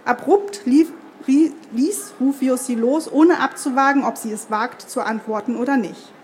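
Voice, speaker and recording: A woman's voice: sits high, moderate pace, darkish tone, a little hiss or hum. A woman author reading from her own fantasy novel at a live event, with occasional stumbles and self-corrections.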